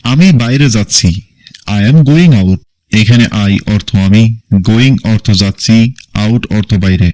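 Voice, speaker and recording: Slow, deliberate man teaching English phrases. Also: fairly low pitch, expressive, a little mellow, low-quality recording. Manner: reads English sentences very slowly and deliberately. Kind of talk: scripted phrase-by-phrase language lesson.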